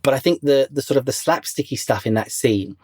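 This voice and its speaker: A man's voice: mid-range voice, lively intonation, a little fast, a little mellow, slightly rough, dry recording. Rambling man with a dry close sound. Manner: rambling, many fillers and restarts. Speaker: interview guest, former crew member. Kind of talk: casual podcast interview.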